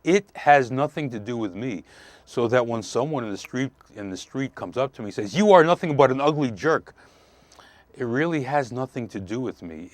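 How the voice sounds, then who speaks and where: A man's voice: on the low side, a little mellow. A man who works as a relationship counselor hosting a live call-in show, explaining earnestly and repeating his key points.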